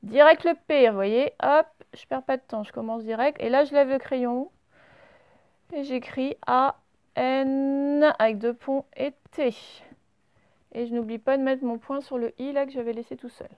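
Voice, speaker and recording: A woman's voice: high voice, steady tone, a little mellow, clean tone, no room sound, clean studio sound. A woman teacher in a classroom at the blackboard, patiently talking pupils through joined-up handwriting step by step. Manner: slow, patient step-by-step dictation. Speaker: primary school teacher. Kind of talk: recorded handwriting lesson.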